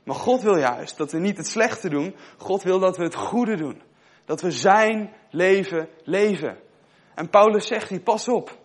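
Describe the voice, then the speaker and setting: A man's voice: high voice, lively intonation, measured pace, husky. A young man giving a sermon in a conversational way, asking his listeners questions and telling a personal story. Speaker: preacher.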